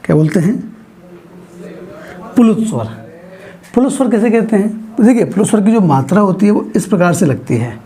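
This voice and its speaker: A man teaching a grammar lesson, explaining slowly and asking his students frequent questions as he writes on a board. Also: high voice, animated, warm tone. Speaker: Hindi teacher.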